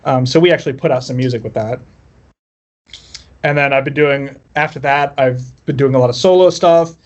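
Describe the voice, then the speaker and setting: Speaking briskly at medium pitch, a musician on a podcast shares personal anecdotes in a relaxed, wry way, often poking fun at himself.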